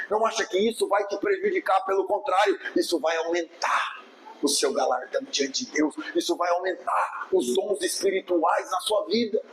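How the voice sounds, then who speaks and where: A pastor with a Brazilian Portuguese accent and a high voice preaches emphatically on a rough recording with slight background noise. He keeps asking the congregation "are you understanding me, yes or no?" and acts out churchgoers' voices in quotes.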